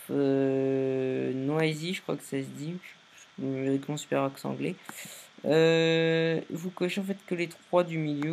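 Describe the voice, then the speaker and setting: A man's voice: on the high side, vocal fry, slight background noise. Man, casual tutorial narration, tired, hesitant, restarts often, step-by-step. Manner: hesitant, many fillers and restarts, step-by-step instructions. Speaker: video editing tutorial maker.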